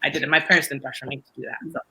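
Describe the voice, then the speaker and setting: A woman's voice: very deep voice, steady tone, racing, bright, forceful tone, rough recording. Chatty, self-mocking woman panelist. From Nigeria. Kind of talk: casual panel chat.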